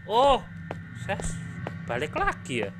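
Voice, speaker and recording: A man streaming a horror game live, chatty and apologetic, breaking into startled shouts. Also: high-pitched, wildly swooping pitch, slow pace. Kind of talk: live gameplay commentary. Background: game music.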